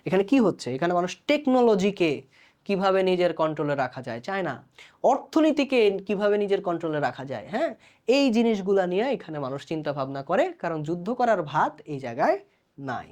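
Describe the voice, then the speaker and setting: A man's voice: high-pitched, big pitch swings, fast, darkish tone. A man with a Bangladeshi Bengali accent giving a recorded exam-prep sociology lecture, talking colloquially and answering his own quiz questions. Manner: colloquial, poses questions then answers them himself. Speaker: sociology tutor.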